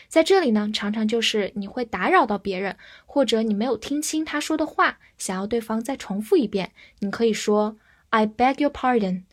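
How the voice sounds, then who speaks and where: A woman teaching English vocabulary in a structured lesson, spelling words letter by letter and reading example sentences slowly for learners to repeat. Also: a little high. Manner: clear, deliberate, spells words letter by letter and reads slowly for repetition.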